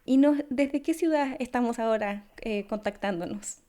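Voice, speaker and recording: Presenting in Spanish, a woman podcast host delivers her scripted intro and interviews a guest. She has a mellow, somewhat high voice and keeps a moderate pace.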